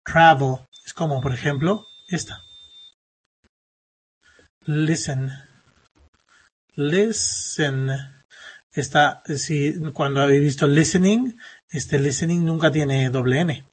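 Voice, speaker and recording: Casting: husky male teacher, slightly high voice, patient and halting, lots of fillers. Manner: patient, explaining step by step with many fillers. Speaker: English teacher. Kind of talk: classroom grammar explanation.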